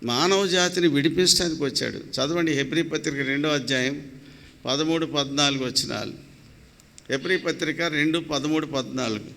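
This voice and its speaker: High bright-voiced man preaching. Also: normal speed, vocal fry. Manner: asks the congregation questions, mixes in English phrases. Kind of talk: sermon. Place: prayer house hall. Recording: long hall reverb.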